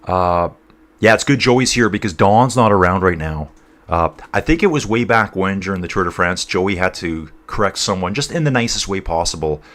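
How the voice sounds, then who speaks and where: A man's voice: sits low, animated, moderate pace, fairly bright tone. A man from North East England hosting a casual cycling livestream, rambling between race commentary and reading out viewer chat, calling everyone dude and guys.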